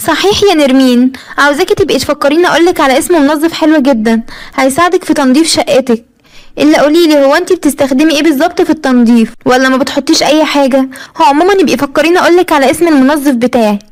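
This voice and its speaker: A snide Egyptian sister-in-law, played by a woman narrator, needling in a high, very fast voice. Her talk is condescending in a storybook cartoon telling. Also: natural voice, rough recording.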